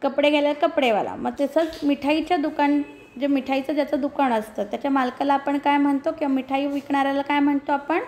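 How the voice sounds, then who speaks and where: A woman's voice: high-pitched, fairly even intonation, fairly quick, a little mellow, a little hiss or hum. A woman primary school teacher reading a textbook story aloud to her class. She asks questions, repeats the answers and gives step-by-step page instructions.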